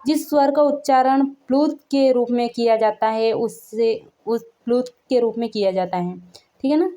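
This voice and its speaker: Speaking at a moderate pace in a mellow, high-leaning voice, a woman walks the viewer through Hindi grammar like a relaxed classroom. She repeats "theek hai na" after every point, poses questions to the viewer, and draws sounds out to show how long they are.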